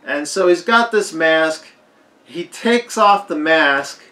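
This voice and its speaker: A man with a hoarse, fading voice giving a rambling, unscripted movie commentary, leaning hard on "like". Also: a little high, expressive, takes it slowly, bright, forceful tone. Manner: rambling, heavy use of "like". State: hoarse, losing his voice. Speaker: film commentator. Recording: echoey roomy recording.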